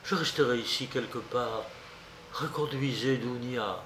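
A man's voice: a little high, extremely slow, gravelly, a bit bright, slight background noise, full character voice. A male narrator voicing an anxious, pleading mother in an audiobook. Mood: whispering. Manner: fretful and pleading. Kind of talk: audiobook character reading. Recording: roomy recording.

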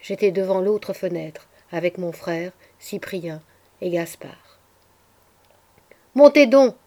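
A woman narrating a literary audiobook in a measured, expressive storytelling voice. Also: lowish voice. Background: faint background music.

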